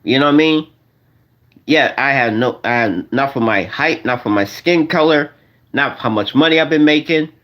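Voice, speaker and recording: A man's voice: medium pitch, normal speed, lo-fi sound. A man in his forties rambling to his viewers in a casual monologue, repeating phrases over and over and using slang. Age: 40s. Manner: repetitive, restarts and repeats phrases; slangy, addresses viewers as y'all. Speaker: vlogger.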